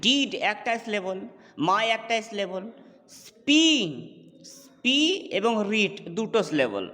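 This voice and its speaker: A man gives a classroom lesson on English poetry, breaking the material down step by step and pausing to check that his students follow. His voice sits high for a man, and a long reverb trails each phrase. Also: very animated, sharp tone. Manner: explains step by step, asks checking questions. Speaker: English teacher.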